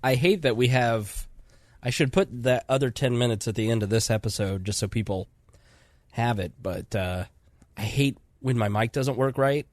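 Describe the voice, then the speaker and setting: This podcast host rambles and chats, cutting himself off as he goes, his voice stuffed up from a cold. He speaks at a moderate pace in a mid-range, darkish voice, with no room sound in the recording.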